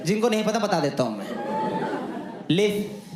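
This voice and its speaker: A man's voice: high voice, fast talker, heavy background noise. A man with a slight lisp performing a self-mocking stand-up comedy set on stage. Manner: self-mocking, animated storytelling. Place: comedy club stage, roomy hall. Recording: roomy stage recording with loud crowd. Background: loud audience laughter.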